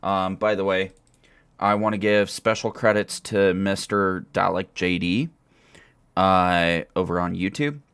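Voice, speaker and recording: Podcast host, male, deep and smooth, casual rambling delivery, dry close mic. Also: a little slow, fairly bright tone, dry recording. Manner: rambling, lots of uh fillers. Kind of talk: casual gaming podcast chat.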